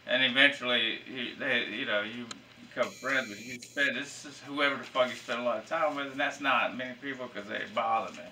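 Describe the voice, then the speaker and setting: Cursing rambling guy on a podcast, real bright sharp voice, bit far from the mic. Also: mid-range voice, fairly quick, slight background noise. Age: 30s. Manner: profane, rambling storyteller. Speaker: podcast host. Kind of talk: casual chat.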